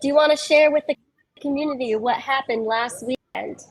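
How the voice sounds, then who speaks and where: A woman co-hosting a casual podcast chat over a video call, her audio glitching and cutting out, her phrasing hurried and stumbling. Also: sits high, no room sound, rough recording. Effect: glitchy call audio that keeps cutting out. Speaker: co-host, head of social media.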